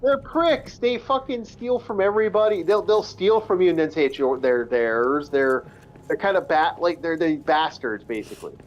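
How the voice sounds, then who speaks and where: Guy streaming a game, kinda high voice, rambly and sweary. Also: lively intonation, moderate pace, highs cut off. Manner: rambling, restarts, swears freely. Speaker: gamer on a live stream. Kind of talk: casual chat while gaming.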